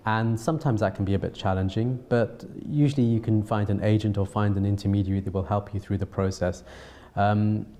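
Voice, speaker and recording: A man from south-east England with a Home Counties accent, giving an unscripted account as an interviewee in a measured, hesitant way with frequent pauses and repeats. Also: lowish voice, fairly even intonation, mellow. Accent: Home Counties English. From south-east England, London and Surrey. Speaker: interviewee, television producer and filmmaker. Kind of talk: unscripted talking-to-camera account.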